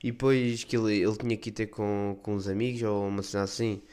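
A young man with a European Portuguese accent, hosting a podcast and telling stories in a slangy, rambling, animated way. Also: fairly low pitch, fast talker, clean tone. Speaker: podcast host. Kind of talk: casual monologue storytelling.

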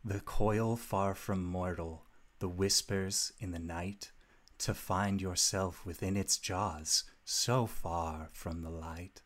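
A man's voice: deep voice, fairly even intonation, takes it slowly, fairly bright tone. A man voicing an ancient dreaming deity in a tabletop game, chanting ominous verse in a hollow, unearthly voice. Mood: ominous, dreamy.

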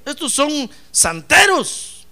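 A man's voice: extremely high pitch, expressive, fast, voice pushed up. A man voicing a frightened man pleading for his life in a sermon, earnest and pleading.

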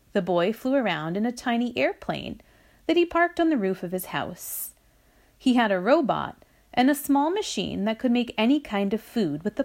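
A woman reading a children's story aloud, with a slow, expressive delivery. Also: fairly high pitch.

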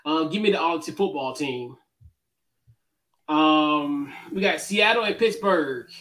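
Guy with a high voice hosting a sports podcast, laid back, lots of ums. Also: lively intonation, a little slow, a bit bright. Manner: easygoing, loose, many fillers and restarts. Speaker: podcast host. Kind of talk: casual sports picks chat.

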